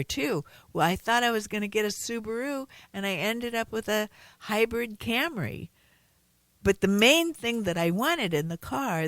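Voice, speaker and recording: A woman's voice: lowish voice, no room sound. A middle-aged woman hosting a radio talk show, speaking in an earnest, encouraging, chatty way as she teaches and tells stories. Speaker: radio show host, holistic healer.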